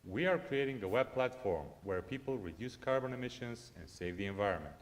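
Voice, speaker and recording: Earnest low-voiced promo narrator. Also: male voice, animated, brisk. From Bulgaria. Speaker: entrepreneur in promo video. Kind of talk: scripted promo voice-over. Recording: reverberant video soundtrack.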